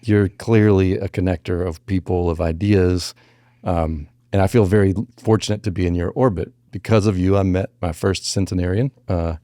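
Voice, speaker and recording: A middle-aged man hosts a laid-back podcast chat, rambling toward his questions and cracking jokes. His voice is very low and warm, with a dark, mellow tone. The recording is dry and close. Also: steady tone, normal speed, no room sound. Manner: rambling, jokey, laughs often. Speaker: podcast host. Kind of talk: casual podcast interview.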